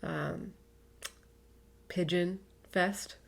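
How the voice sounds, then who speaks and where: A woman's voice: fairly low pitch, steady tone, very slow. A young American woman hosting a casual, personal interview as she chats with her guest. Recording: clear background noise with clicks.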